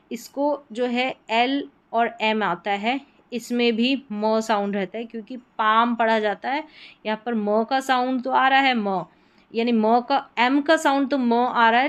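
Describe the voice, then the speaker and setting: Woman teacher going thru english sounds, slightly high voice, slow patient repeats. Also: clean tone. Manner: patient, repeats each example word slowly. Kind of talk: explaining spelling sounds to learners.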